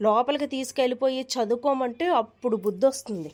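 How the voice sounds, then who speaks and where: A woman's voice: on the high side, fast talker, darkish tone, close to an everyday voice. A woman voicing a cartoon mother who scolds her son and coaxes her little daughter. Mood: scolding. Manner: scolding then coaxing, motherly. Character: mother of the children, stern but caring. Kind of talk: cartoon voice dubbing.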